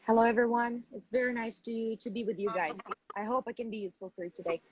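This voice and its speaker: A young adult woman from Ukraine, a native Ukrainian speaker and activist, is the guest on a live online interview, earnestly explaining things step by step. Her fairly high voice is steady, quick and slightly rough. The audio is dull.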